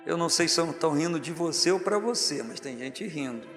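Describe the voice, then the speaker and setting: A man's voice: fairly high pitch, animated, a little fast, a bit bright, long reverb tail, soft background music. A Brazilian man preaching as pastor, jovial and teasing as he calls church members up to the front. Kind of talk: sermon. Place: large church hall, music underneath.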